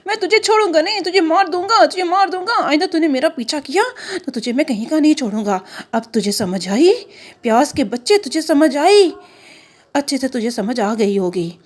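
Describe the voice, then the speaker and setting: Woman doing a cartoon caterpillar, male, wicked bully, menacing, gloating, high. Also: unhurried, a little mellow. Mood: threatening.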